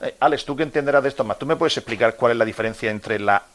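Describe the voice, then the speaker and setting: Speaking quickly at a medium pitch with a somewhat bright tone, this Murcian radio host in his fifties gives a passionate monologue on his sports show. He speaks straight to his audience and fires off rhetorical questions.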